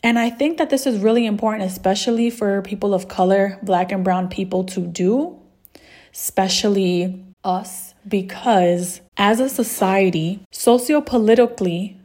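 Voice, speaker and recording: A woman hosting her own podcast and talking straight to her listeners. Her voice sits at a middle pitch, and her delivery is casual. She laughs easily and often asks "right?" to keep them with her. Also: moderate pace, darkish tone. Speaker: podcast host. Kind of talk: solo podcast talk.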